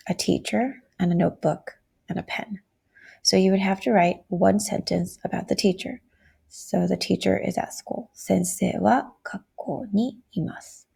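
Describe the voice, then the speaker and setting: Gravelly-voiced woman teaching Japanese. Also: mid-range voice, mellow. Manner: explains step by step, slows down to model Japanese phrases. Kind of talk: classroom lecture video.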